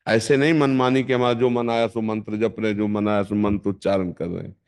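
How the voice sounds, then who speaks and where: A man's voice: fairly low pitch, steady tone, fairly quick, darkish tone, clear, resonant tone. An older man with a North Indian Hindi accent, a spiritual teacher giving a firm, instructive devotional discourse with emphatic repetition.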